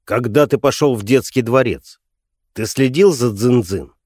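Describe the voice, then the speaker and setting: A man's voice: medium pitch, measured pace, darkish tone, husky, no echo, studio quality. A man voicing a troubled middle-aged father who questions his son hesitantly and carefully in an audiobook.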